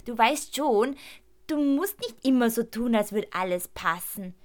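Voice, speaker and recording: A woman voicing a worried eight-year-old boy in a storybook reading, speaking in a halting, anxious way. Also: on the high side, animated.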